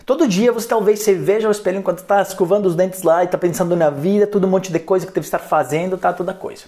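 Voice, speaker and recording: A man's voice: high voice, a little mellow. A man, giving a chatty, playful live English lesson as a coach. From Colombia. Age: 30s. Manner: playful, chatty, peppers talk with tag questions. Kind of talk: live-streamed language lesson.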